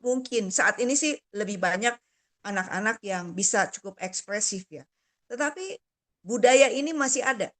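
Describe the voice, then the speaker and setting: A woman's voice: medium pitch, a bit bright. A woman from Indonesia giving an explanatory talk on emotional health, conversational, with frequent tag questions.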